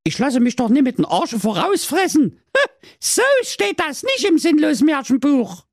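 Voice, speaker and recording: Storybook parody: cheeky, impatient young girl, played by a man in high falsetto. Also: big pitch swings, moderate pace, dry recording, studio quality, exaggerated voice.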